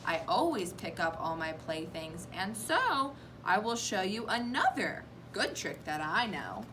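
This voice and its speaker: A woman's voice: medium pitch, sing-song, unhurried, recorded from a distance, noisy background, voice pushed down. A woman voicing a playful, mischievous male cat from a storybook, with an easygoing manner. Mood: breezy.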